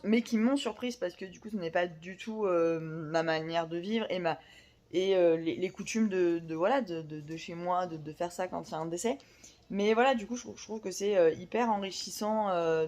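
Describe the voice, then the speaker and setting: A woman's voice: fairly low pitch, a little mellow. A woman chatting casually about a book she is reading, hesitant, with many fillers and restarts. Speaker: book vlogger. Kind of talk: casual chat about books.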